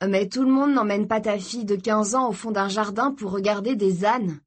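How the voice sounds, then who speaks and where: A woman's voice: medium pitch, normal speed, breathy edge, lightly acted. A woman reading as a sulky teenage brother. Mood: grumbling. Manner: sulky, grumbling. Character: grumpy suspicious teenage brother.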